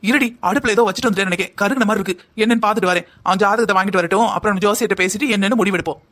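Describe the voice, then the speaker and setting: A woman's voice: mid-range voice, very fast, a bit bright, natural voice. A woman voicing an anxious, scheming middle-aged mother who talks in a dramatic, self-pitying way in a cartoon drama. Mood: fretful.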